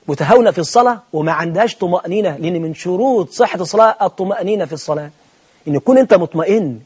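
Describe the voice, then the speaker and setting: A man preaching a colloquial sermon with an Egyptian accent, animated and acting out funny anecdotes. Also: sits high, breathy edge. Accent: Egyptian Arabic. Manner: animated storyteller, acts out anecdotes with humor.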